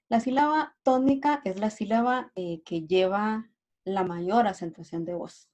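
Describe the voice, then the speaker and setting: A woman's voice: mid-range voice, a little mellow. A woman teacher giving a review lesson, hesitant, full of fillers and tag questions.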